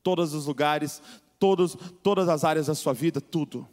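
A man preaching a sermon, telling a story in an animated way and acting out the voices of the people in it. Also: a little high, normal speed. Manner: animated storytelling, acts out voices, rising to fervent. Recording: long hall reverb.

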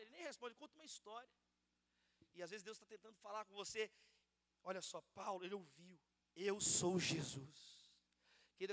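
A male preacher, moving from hushed storytelling to shouted exhortation. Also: high-pitched. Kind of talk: sermon. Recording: long reverb of a large hall.

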